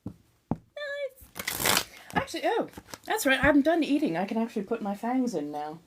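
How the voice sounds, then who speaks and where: Her voice sits on the high side and is very animated at a moderate pace, with a noisy background. A woman in a dramatic vampire role talks with live stream viewers, faking a 1700s colonial transatlantic accent, choosing ornate words and calling everyone darling.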